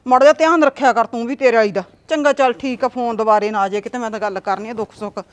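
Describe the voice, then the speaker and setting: Gossipy, scolding village mother-in-law, played by a woman; loud, slightly high voice. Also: quick pace, close to an everyday voice. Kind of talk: village comedy drama acting.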